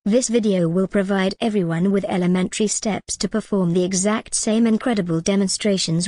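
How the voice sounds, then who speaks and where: A woman's voice: medium pitch, darkish tone, no echo, studio quality. Wry woman delivering a scripted monologue. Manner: wry, jokey asides amid earnest persuasion. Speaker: video creator.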